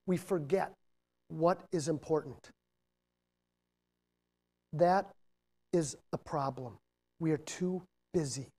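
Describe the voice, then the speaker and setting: A middle-aged man giving a motivational leadership talk to students. He swings between loud, emphatic points and quiet, reflective asides, with jokey, self-deprecating humor. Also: a little high. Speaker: guest speaker on leadership. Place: university lecture room.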